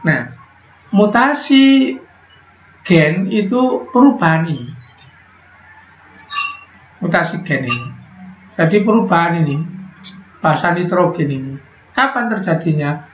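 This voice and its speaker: A man's voice: fairly high pitch, big pitch swings, unhurried, pauses often, a little hiss or hum. Chatty male teacher, echoey classroom. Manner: chatty, asks students questions, jokes. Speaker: biology teacher. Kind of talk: classroom lecture. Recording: echoey room, dull lo-fi sound.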